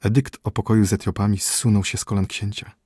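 A man reads a story aloud in a steady, dramatic audiobook style. His voice is low and husky. The recording is dry and close, with no room echo. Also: fast talker. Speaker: narrator. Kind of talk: audiobook narration.

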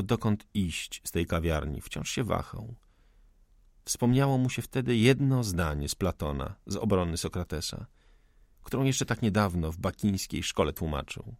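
A man narrating a literary audiobook with slow, dramatic phrasing and deep drops in pitch. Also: creaky, no echo. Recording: dry close recording.

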